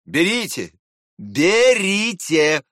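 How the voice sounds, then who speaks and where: A man reading aloud and voicing an irritable, proud middle-aged prince who snaps and shouts. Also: sits high, expressive, unhurried, dry recording, clean studio sound, pitched above the performer's own voice, heavily acted. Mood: agitated, pleading. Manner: snappish, shouting and scolding.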